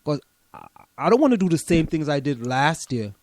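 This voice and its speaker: Man, higher-pitched, chatty host. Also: very animated, normal speed, crowd noise. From Trinidad and Tobago. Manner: emphatic, repeats words while thinking aloud. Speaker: radio show host and college professor. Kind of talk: casual radio chat.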